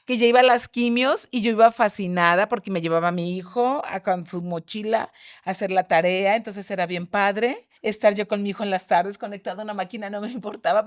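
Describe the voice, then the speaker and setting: A woman's voice: medium pitch, no room sound, clean studio sound. A middle-aged woman cheerfully telling a personal faith testimony. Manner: cheerful, animated storytelling. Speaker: guest sharing a testimony.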